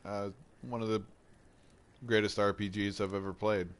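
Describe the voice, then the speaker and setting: With a fairly low, level voice at a moderate pace and a clean tone, a young man kicks off a game playthrough. He's congested from a head cold and keeps the intro chat relaxed and rambling, swearing casually as he goes.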